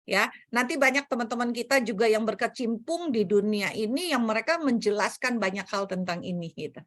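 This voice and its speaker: Higher-voiced woman coaching, dry sound. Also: animated, a little fast, no echo. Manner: explanatory, casual, mixes English terms. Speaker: self-development speaker. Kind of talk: online Q&A talk.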